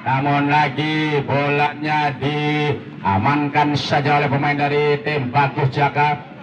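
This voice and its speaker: A man's voice: fairly high pitch, level tone, slow pace. Guy doing live football play-by-play, bit far from the mic, crowd behind him. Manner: repeats players' names. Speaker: football match commentator. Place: outdoor village football ground. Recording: echoey PA, distant, crowd noise.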